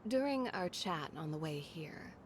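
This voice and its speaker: A woman's voice: sits low, expressive, a little slow, slight background noise. A woman voicing a stern female android guardian in a game, speaking solemnly and formally while her voice keeps cutting out in dropouts. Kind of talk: game dialogue.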